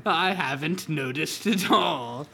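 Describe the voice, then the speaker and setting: A man's voice: fairly high pitch, slow pace, creaky, pushed and bright, a little hiss or hum, heavily acted. A man playing a melodramatic dying old man. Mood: wistful.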